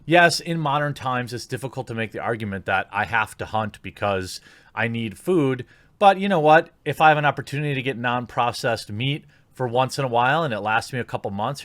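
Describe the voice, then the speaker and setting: A YouTube commentator offers casual, opinionated takes in a critical, sarcastic way. His mid-range voice is a bit bright, recorded on a close mic with no room sound.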